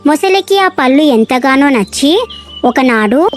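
A woman narrating a children's cartoon story in a bright storytelling way. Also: high-pitched, expressive, a little slow, faint music behind.

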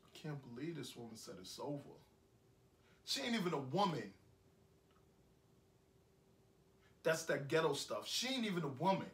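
An actor with a New York accent plays a heartbroken young man ranting after a breakup in an indie film monologue. His voice is fairly high, brisk and fairly bright with big pitch swings as he rambles bitterly and repeats himself, heard from a distance in an echoey room.

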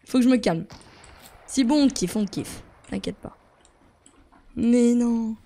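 High-voiced excitable young male gamer. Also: slow, creaky. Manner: excitable, jumps between yelps and muttering to himself. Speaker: gaming YouTuber. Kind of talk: live gameplay commentary.

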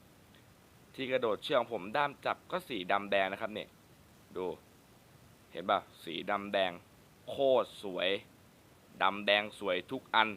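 A man's voice: lowish voice, fairly bright tone, slight background noise. A young man hosting a casual Q&A vlog, joking and using crude slang. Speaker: vlogger.

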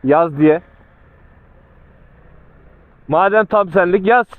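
A man talking casually and slangily inside a motorcycle helmet while riding, as a motovlogger thinking out loud. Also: high voice, takes it slowly, no echo. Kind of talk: casual riding chat and commentary. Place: outdoors, riding on the road. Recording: muffled phone-like helmet mic, vehicle sound.

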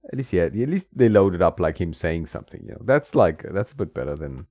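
A man with a low voice, big pitch swings, a brisk pace, and a darkish tone provides casual let's-play commentary, chuckling often and talking back to the game characters. There's no room sound, but the mic is slightly dull and lo-fi, with game music playing.

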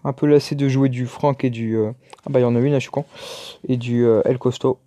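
A man's voice: mid-range voice, fairly even intonation, fairly quick, warm tone, no echo. A man giving casual, chatty commentary over his own gameplay, exclaiming and muttering to himself as he plays. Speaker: gaming YouTuber.

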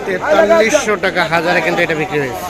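A man's voice: high voice, sing-song, rapid-fire, heavy background noise. A man with a Bangladeshi accent giving explanatory commentary to viewers as a video presenter on location. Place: busy outdoor wholesale fruit market. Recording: loud market crowd behind. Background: busy market crowd, vehicles.

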